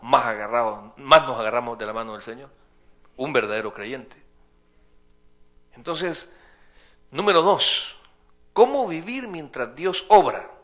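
A man's voice: mid-range voice, a bit bright. A man preaching a sermon as pastor in a church. He speaks emphatically, repeating his points and firing off rhetorical questions. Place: church sanctuary.

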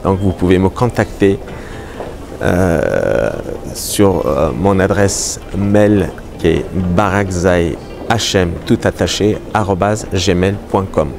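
A middle-aged painter from Afghanistan speaking with an Afghan accent, halting with many fillers and restarts, in an on-camera interview in a gallery. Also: male voice, sits low, vocal fry, music in the background. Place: art gallery hall. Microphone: lapel mic.

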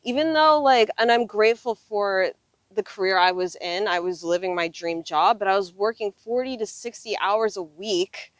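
In a casual outdoor interview, a thirtysomething woman who lives full-time in an RV reflects earnestly and conversationally. She speaks at medium pitch and normal speed. Her clip-on lapel mic on the open desert gravel lot picks up no room sound.

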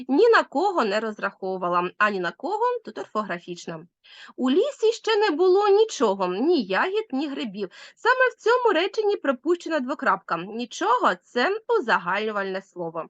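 A woman teacher giving a recorded grammar lesson, speaking clearly and stressing words with care. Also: fairly high pitch, fairly bright tone, dry recording, lo-fi sound.

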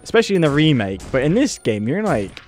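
A let's play host with a British English accent offers casual, wry commentary on a game, laughing at it as he goes. His voice is on the high side, very animated and quick, a little mellow, with faint music behind.

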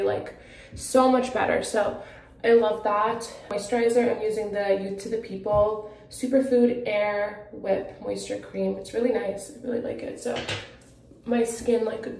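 A woman's voice: a little high, vocal fry, mellow. A young woman chatting casually to her handheld camera in a vlog, bubbly and gushing, full of "like" and "obsessed". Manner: bubbly, gushing, filler-heavy. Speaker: vlogger. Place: car and shops, indoors. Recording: echoey room with faint ambient noise.

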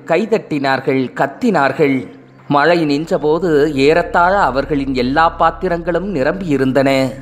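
A man narrates a novel as an audiobook, reading in a measured, poetic way. His voice is somewhat high for a man. The reading is steady and deliberate.

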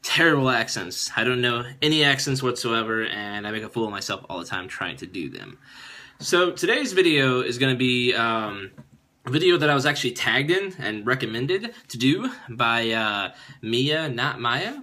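Young man, goofy chatty vlogger, animated pitch, sharp bright tone. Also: normal speed. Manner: goofy, chatty, self-mocking. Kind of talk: casual vlog Q&A.

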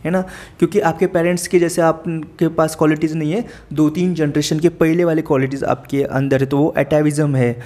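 Man, slightly high voice, patient teacher explaining idioms and spelling words aloud. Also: little pitch movement, normal speed, a little mellow. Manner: explains idioms step by step, spells words letter by letter, asks rhetorical questions; frequent filler "है ना". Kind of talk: vocabulary lesson in Hindi.

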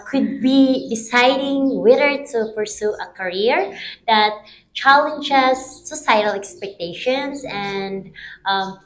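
A young woman in her twenties with a Filipino accent, giving halting interview answers full of fillers. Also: fairly high pitch, low-quality recording. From Philippines. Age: 20s. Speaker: interviewee, pageant contestant.

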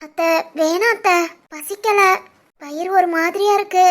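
A woman voicing a meek, ailing young wife in an animated family cartoon, speaking softly and politely with a Tirunelveli Tamil accent. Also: very high-pitched, measured pace. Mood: weak. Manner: soft, quiet and polite.

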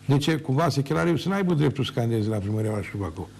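Gravelly ranting man on TV. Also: mid-range voice, lively intonation, darkish tone, a little hiss or hum. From Romania. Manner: emphatic, ranting, repeats words for emphasis. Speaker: former mayor on his own TV show. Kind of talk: heated televised monologue.

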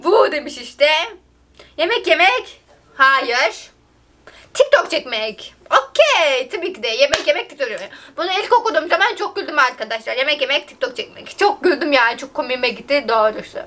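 Woman, high voice, bright tone, chatty, giggly, self-mocking vlogger. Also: very animated, moderate pace. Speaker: TikTok vlogger. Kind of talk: casual chat to viewers.

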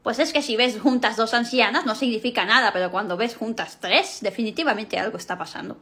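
A woman's voice: fairly high pitch, fairly quick, a bit bright, natural voice. A woman voicing a sassy, scheming teenage girl who talks back in a snarky, mocking way.

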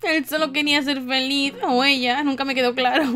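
A woman's voice: high voice, steady tone, moderate pace, a bit bright, slight background noise. A young woman with a Spain Spanish accent giving gameplay commentary to her viewers with theatrical, exaggerated dismay. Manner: theatrical mock-grief, exclaiming to viewers. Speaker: gaming channel host. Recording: faint background game music.

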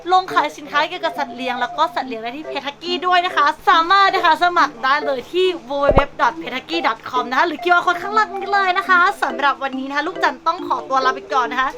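A woman's voice: sits high, quick pace, few pauses. A woman presenting a pet shop video in a playful, gushing, cutesy manner, switching between sales talk and baby talk. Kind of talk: bubbly pet showcase vlog with sales talk. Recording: music laid behind the voice. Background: background music.

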